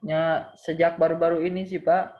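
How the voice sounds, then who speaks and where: Dull, lo-fi audio carries a man role-playing a middle-aged patient. His voice sits fairly high, and he speaks deferentially in short, hesitant pieces. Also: flat delivery, brisk, natural voice. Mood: polite, hesitant. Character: polite middle-aged male patient reporting his symptoms. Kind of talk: role-played patient call.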